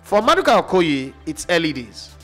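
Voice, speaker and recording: Male pundit, fairly high voice, blunt and emphatic, faint music behind. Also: very animated, normal speed, a bit bright. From Nigeria. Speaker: football pundit. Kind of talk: opinionated sports talk.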